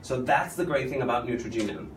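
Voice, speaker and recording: A man with a medium-pitched voice talks fast over a faint hiss or hum. As a makeup artist doing an on-camera demonstration, he stays animated and chatty, frequently asking the viewer questions.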